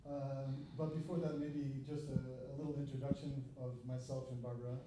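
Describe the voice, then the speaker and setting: A middle-aged man from Connecticut, a visiting missionary speaking to a church in short halting phrases with many fillers, pausing for an interpreter. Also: mid-range voice, level tone, very noisy. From Connecticut, USA. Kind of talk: church talk with live interpretation. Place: church service.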